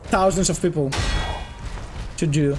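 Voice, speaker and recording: A game developer with a Greek accent slightly tinged with British chats casually with viewers while playing, rambling and correcting himself often. His fairly high voice is unhurried, with background noise behind it.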